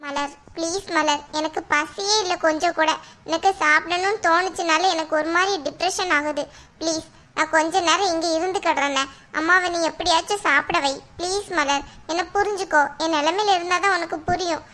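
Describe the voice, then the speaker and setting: A woman's voice: extremely high pitch, brisk, bright, forceful tone. A woman voicing a heartbroken, stubborn young cartoon wife who pleads to be left alone. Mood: pleading. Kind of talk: cartoon voice acting.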